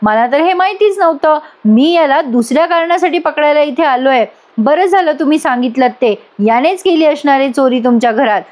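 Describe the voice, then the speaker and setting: A woman's voice: high-pitched, brisk, a little mellow, close to an everyday voice. A woman voicing a stern, questioning male police inspector in a story recap.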